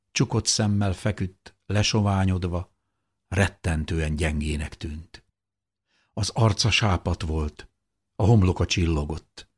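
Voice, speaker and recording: A man narrating an audiobook in a calm, measured storytelling manner. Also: low-pitched, breathy edge. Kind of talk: scripted narration.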